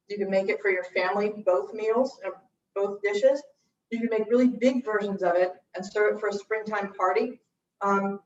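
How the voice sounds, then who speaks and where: A woman hosts a relaxed cooking lesson, chatting as she tastes each dish and describes its flavors and textures. Her voice sits a little back from the mic in an echoing room, and the streamed audio sounds slightly dull. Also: mid-range voice, slight background noise. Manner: chatty, tasting and describing food aloud. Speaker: cooking class host. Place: church room. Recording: roomy, dull livestream audio from a distance.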